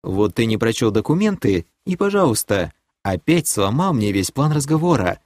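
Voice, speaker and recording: A man voicing a haughty, scheming noblewoman who leads a clan in an audiobook; he raises his voice to play her, and she talks in a sweetly condescending way that turns sharp. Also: medium pitch, very animated, moderate pace, dry recording, studio quality, close to an everyday voice. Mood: lecturing. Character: haughty scheming female baroness, clan leader.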